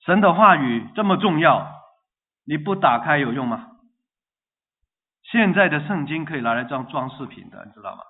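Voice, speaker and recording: A man preaching a sermon in a lively way, asking the congregation questions and repeating phrases in rhythm. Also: on the high side, moderate pace, pauses often. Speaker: pastor. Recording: tinny phone-like line.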